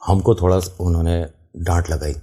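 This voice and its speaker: Husky low-voiced man telling a ghost story. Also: little pitch movement, normal speed, dark tone. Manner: conversational, addresses the listener directly and explains the scene. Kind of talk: casual first-person horror story narration.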